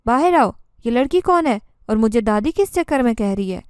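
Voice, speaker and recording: Woman doing a mean bossy mother-in-law, sharp threats, highish mellow voice, dry sound. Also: animated, clean tone, no echo, close to an everyday voice. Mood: scornful. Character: harsh, scornful older mother-in-law.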